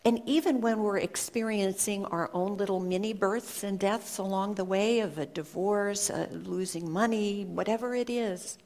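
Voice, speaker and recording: A woman giving a reflective storytelling talk to an audience, speaking in an earnest, measured way with pauses. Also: medium pitch, darkish tone. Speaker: speaker sharing a personal story.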